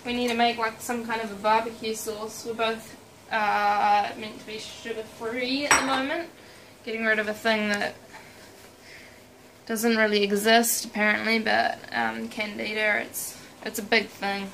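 In a small kitchen at night, a young woman in her twenties films her casual cooking vlog up close, chatty and playful with self-deprecating jokes. Her voice is a little high, her delivery flat and unhurried. Loud clanking of pots, cutlery and dishes fills the noisy home recording.

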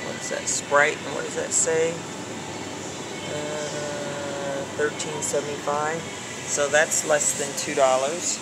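Speaking slowly in a deep, fairly flat voice with little pitch movement, this middle-aged American vlogger thinks aloud as she films a shopping vlog on her handheld phone. Humming coolers fill the supermarket aisles, leaving a noisy hum behind her casual chat.

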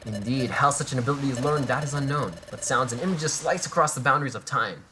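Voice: mid-range voice, noisy background, close to an everyday voice. A player voicing a formal ghost guardian. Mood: earnest. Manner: measured, polite and formal.

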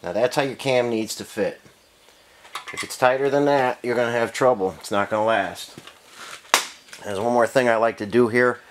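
A man's voice: medium pitch, moderate pace, pauses often, noisy background. A man casually explaining engine work in a home garage, matter-of-fact with many fillers, heard from an off-screen camera mic. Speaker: engine builder. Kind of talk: casual workshop demonstration.

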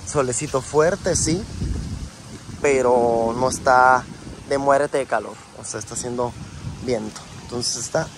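A man's voice: mid-range voice, a little slow. A young man chatting casually to his viewers as he films himself at a beach resort. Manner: chatty, relaxed, addresses viewers as friends. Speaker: travel vlogger. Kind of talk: casual travel vlog narration. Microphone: phone camera at arm's length. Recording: wind and sea noise outdoors.

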